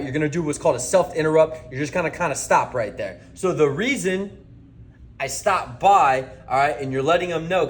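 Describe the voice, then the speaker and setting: A man teaching door-to-door sales in a coaching monologue. His voice sits a little high, and he talks emphatically, acting out doorstep lines. He keeps checking in with the listener. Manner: emphatic, acts out doorstep lines, frequent "all right?" check-ins. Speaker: sales trainer.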